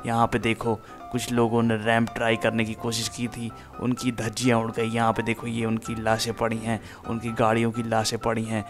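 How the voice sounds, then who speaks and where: A man's voice: mid-range voice, monotone, moderate pace, few pauses, music in the background, lightly acted. A man voicing a confident game hero, narrating a stunt challenge in a teasing way. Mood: taunting. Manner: taunting, showy narration. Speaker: gameplay voiceover narrator. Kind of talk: game voiceover role-play.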